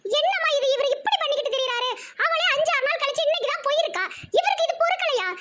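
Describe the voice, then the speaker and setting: A woman voicing a brisk, chiding village mother in a cartoon, with a Tirunelveli Tamil accent. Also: very high voice, lively intonation, very noisy. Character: middle-aged village mother, brisk and homely.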